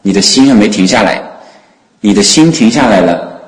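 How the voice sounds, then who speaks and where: A man voicing a calm male sage who speaks in a slow, measured, admonishing way. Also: fairly low pitch, echoey room, in a large hall, lightly acted, rough recording.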